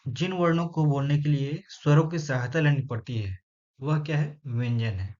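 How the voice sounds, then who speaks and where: A male teacher giving a grammar lesson, explaining step by step and slowly sounding out letters, often checking in with his listeners. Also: fairly high pitch, mellow. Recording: dull lo-fi sound.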